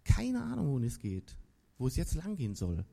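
A man's voice: medium pitch, wildly swooping pitch, fairly quick, gravelly, dark tone. A man preaching a sermon at a church service in a casual, enthusiastic and slangy storytelling way. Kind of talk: lively sermon.

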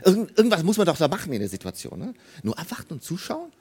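Preacher, sermon, husky voice, animated pitch, emphatic, repeats phrases, addresses congregation. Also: fast. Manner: emphatic, repeats key phrases, "hey" interjections; talks directly to the congregation.

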